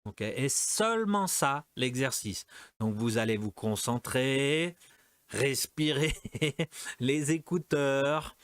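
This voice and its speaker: A man teaching a French lesson, repeating each example several times and slipping into quick Portuguese asides. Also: medium pitch, expressive, clean tone, no room sound. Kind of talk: explaining a language lesson.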